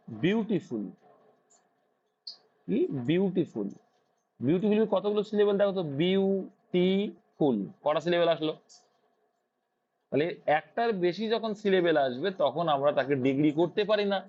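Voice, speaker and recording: A Bengali-accented man tutors English grammar at a normal speed, leaving long pauses and using lively intonation in a high voice. He poses questions and answers them himself; the recording is dull and lo-fi.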